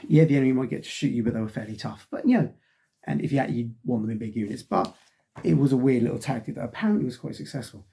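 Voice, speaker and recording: A middle-aged man reviews a wargaming magazine in a rambling, casual manner, frequently sighing and dropping ums while he recovers from a cold that has him losing his voice. He talks fast at a medium pitch, with a creaky, mellow voice that has a breathy edge.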